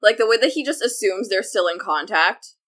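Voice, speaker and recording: A woman's voice: medium pitch, lively intonation, a little fast, fairly bright tone. A woman co-hosting a podcast, gushing in casual fan chat with lots of fillers. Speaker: podcast co-host.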